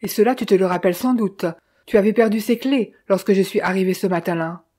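A stern man laying out his case point by point in an audiobook, read by a woman. He keeps questioning and insisting. His tone is mellow and dark. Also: medium pitch, fast, husky, close to an everyday voice. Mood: insistent. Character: stern man pressing his brother to confess.

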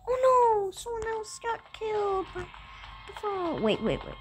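A woman giving casual let's-play commentary, excitable and jumpy, repeating her words as she chatters. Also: very high voice, a little slow, soft background music. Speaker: gamer.

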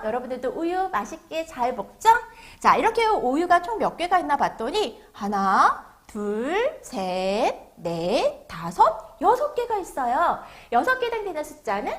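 High, lively female children's teacher. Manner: sing-song, slow drawn-out counting for children to repeat. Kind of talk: children's math lesson.

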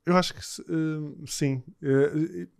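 A man with a European Portuguese accent, hosting a podcast in casual chat and talking haltingly when he explains a point. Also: fairly high pitch, fairly even intonation, creaky, darkish tone, dry recording, clean studio sound. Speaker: podcast host.

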